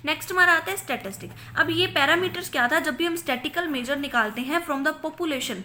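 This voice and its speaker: A woman's voice: sits high, fairly quick, sharp tone, slight background noise. A young woman with an Indian accent, a commerce teacher giving a recorded lecture. She explains by asking and answering her own questions, repeats terms, and mixes English terms into Hindi.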